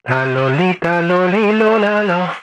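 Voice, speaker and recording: A streamer giving live horror gameplay commentary, jumpy and cursing, breaking into high panicked yelps. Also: expressive, takes it slowly, fairly bright tone, dull audio.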